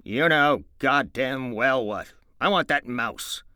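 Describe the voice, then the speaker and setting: A man's voice: mid-range voice, pushed and bright, smooth, no room sound, clean studio sound, voice pushed up, close to an everyday voice. A man voicing a stern, impatient man who talks to his friend in a brusque, cold way. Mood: angry. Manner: brusque, cold, slow and firm.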